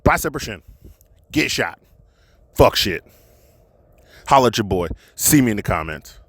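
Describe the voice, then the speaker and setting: A man's voice: fairly low pitch, a little slow, breathy edge, no echo. Man on a wild profane rant. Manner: crude, animated, swearing. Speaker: segment ranter.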